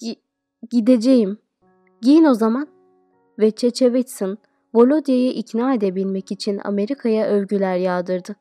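A woman teacher reading an audiobook aloud, narrating in a steady, expressive storytelling way. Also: mid-range voice, no room sound.

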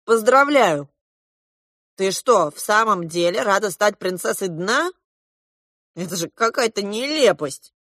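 A woman reading aloud, voicing a blunt, scornful young boy who insists loudly. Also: medium pitch, animated, unhurried, long pauses, dry recording, clean studio sound. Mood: insistent.

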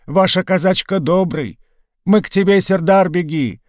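A man's voice: a little slow, no echo, clean studio sound. A man voicing a frail, tearful old village elder who pleads in broken speech. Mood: pleading. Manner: broken speech, wailing high voice.

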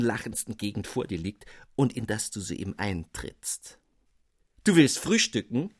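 For radio, a man with a medium-pitched voice narrates a classic fairy tale as scripted literary narration, telling it expressively and addressing the listener directly. The sound is dry and clean, like a studio recording.

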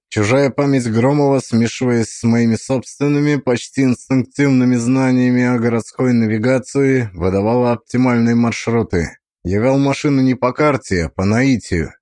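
A man giving a measured, suspenseful reading as an audiobook narrator, in scripted narration. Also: medium pitch, a little mellow, dry recording, clean studio sound.

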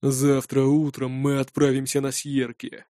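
A man's voice: mid-range voice, completely flat delivery, a little slow, mellow, no room sound, studio quality, close to an everyday voice. A man voicing a stern male viking elder who speaks in a commanding, formal way in an audiobook. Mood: grim.

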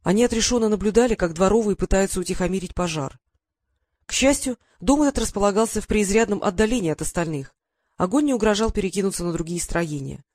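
A man reading a first-person adventure story aloud in steady storytelling style with dramatic lifts. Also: high voice, fast, dry recording. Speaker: audiobook narrator. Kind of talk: scripted first-person narration.

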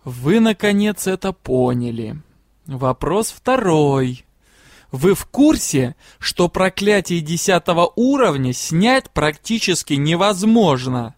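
A man voicing a furious, stern male magister who runs a magic academy, speaking slowly in a low, hissing, menacing voice. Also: big pitch swings, dry recording, clean studio sound, full character voice.

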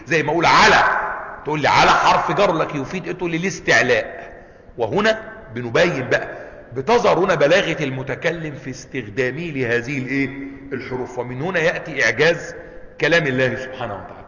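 A man with an Egyptian accent teaching a lesson on legal theory, asking his class questions and answering them himself, and slowing down to recite quoted verses. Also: on the high side, pushed and bright. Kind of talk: classroom lecture. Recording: echoey hall, slightly dull sound.

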